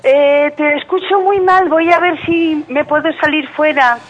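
A grieving woman with a Spain Spanish accent, calling in to a radio show. She speaks haltingly over a phone line that keeps breaking up, with echo. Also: high voice, steady tone. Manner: halting, repeats names, slow broken phrases. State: grieving, voice strained. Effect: phone call to the radio breaking up, with echo and weak signal. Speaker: radio caller.

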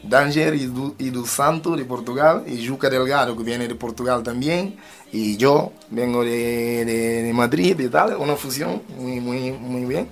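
A musician and rapper is the guest in a spoken radio interview, his medium-pitched, creaky voice unhurried. He often repeats words and phrases as he talks.

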